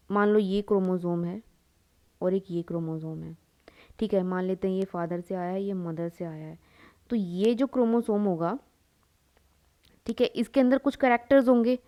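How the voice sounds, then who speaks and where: A young woman with a dark-toned, medium-pitched voice gives a biology lecture while drawing. She asks the class questions and answers them herself, addresses listeners as "beta," and weaves English terms into her Hindi.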